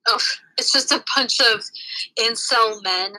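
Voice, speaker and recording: A woman's voice: fairly high pitch, measured pace, sharp tone, low-quality recording. A woman co-host in casual banter, teasing and mock-indignant, peppering her talk with "like". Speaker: co-host commenting on a book.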